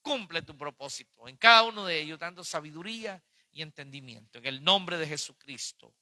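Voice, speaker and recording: A man preaching and praying, fervent, swinging from loud pleas to near-whispers. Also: on the high side, expressive, a little fast, no room sound. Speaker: pastor teaching a Bible series. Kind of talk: sermon with prayer and altar call.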